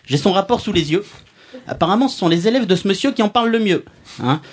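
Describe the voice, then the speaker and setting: A man's voice: sits high, lively intonation, quick pace. Male performer as a pompous, sardonic podcast columnist, mock-serious comic roast. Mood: smug, mocking. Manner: mock-pompous, sardonic, chuckling at own jokes.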